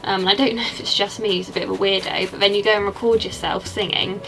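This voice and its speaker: A young English streamer from England chats and rambles casually while gaming and replying to her chat. Her mid-range voice is steady, fast, and gravelly, and the audio quality is poor.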